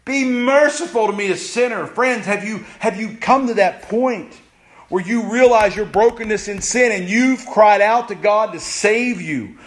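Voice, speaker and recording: A male pastor delivers a sermon in a fairly high voice. He is emphatic and repeats key phrases. His pace swings between quick bursts and slow, weighty lines.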